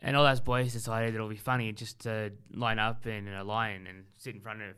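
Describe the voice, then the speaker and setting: Aussie male co-host, low and very clean-toned, straightforward storyteller. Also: little pitch movement, moderate pace, pushed and bright, smooth. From Tasmania, Australia. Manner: plain, matter-of-fact, short answers. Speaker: podcast co-host. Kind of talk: casual storytelling chat. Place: public library.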